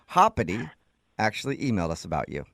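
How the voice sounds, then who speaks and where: A man's voice: fairly low pitch, huge pitch swings, fast, vocal fry, a bit bright, dry recording, studio quality. A man hosting a morning radio show, teasing and laughing on a call to a listener. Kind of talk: radio prank-style phone call. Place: radio studio.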